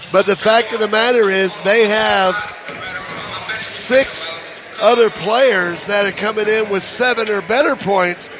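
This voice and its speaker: A man giving conversational pregame basketball analysis as a color commentator, halting and repeating his phrases. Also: high-pitched. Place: gymnasium. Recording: clear gym background noise.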